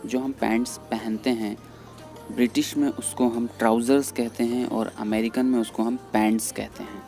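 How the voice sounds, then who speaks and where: A man explaining English vocabulary in Hindi, patiently repeating each word slowly. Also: mid-range voice, flat delivery, vocal fry, mellow. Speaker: English teacher. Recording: faint background music under voice. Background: faint background music.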